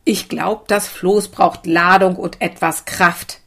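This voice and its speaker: A woman voicing a kind, reassuring grown woman with a gentle magic in a storybook reading. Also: on the low side, steady tone, slow pace, heavily acted.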